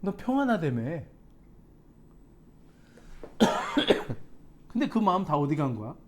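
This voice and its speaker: A man's voice: fairly high pitch, takes it slowly, a little hiss or hum. A male pastor preaching a sermon, telling a personal story with questions to the congregation. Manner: lively storytelling with asides to the congregation. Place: church sanctuary.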